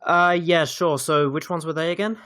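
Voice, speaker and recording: A man's voice: on the high side, normal speed, a bit bright, no echo, clean studio sound. A man chatting casually and apologetically on a live stream.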